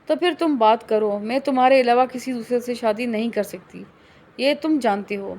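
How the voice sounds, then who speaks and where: A distressed young woman pleads and pushes back in a novel audiobook, voiced by a woman reader. The voice is fairly high. The tone is pleading and defiant. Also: a little mellow.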